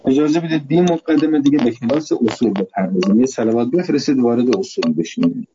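A man teaching a seminary class, dictating his lecture notes slowly and repeating phrases so students can write them down. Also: mid-range voice, expressive, warm tone, a little hiss or hum. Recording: dull lo-fi recording.

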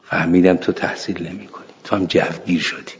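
A man's voice: sits low, flat delivery, slight background noise. A middle-aged man, a cleric, giving an informal religious lecture, telling anecdotes, reciting scripture and chuckling now and then. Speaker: cleric teaching seminary students. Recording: echoey hall, dull lo-fi sound.

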